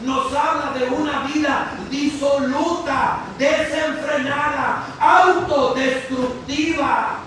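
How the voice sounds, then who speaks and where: Male preacher, high voice, slow and emphatic, shouting at peaks, heard from far off in an echoey church with faint hiss. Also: steady tone. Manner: preaching with rising shouts and slow, stressed words. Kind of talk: impassioned sermon. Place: church sanctuary.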